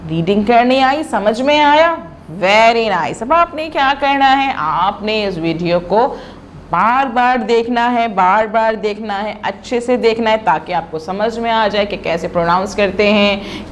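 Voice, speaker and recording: A woman's voice: mid-range voice, lively intonation, normal speed, hardly any pauses, a little hiss or hum. A woman teaching an online reading lesson to children, saying each word three times for them to repeat, then praising them.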